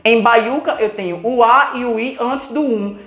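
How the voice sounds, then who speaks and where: A woman with a Brazilian Portuguese accent teaching an exam-prep grammar lesson, posing students' questions to herself and slowing down to spell out example words. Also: fairly high pitch, a bit bright, reverberant. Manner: didactic, asks herself students' questions and answers them.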